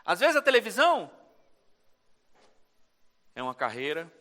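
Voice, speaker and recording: Brazilian pastor preaching, high bright voice swinging all over, church echo. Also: male voice, measured pace. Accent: Brazilian Portuguese. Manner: animated preaching, acts out short dialogues. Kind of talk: sermon. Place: church sanctuary. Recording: church hall reverb.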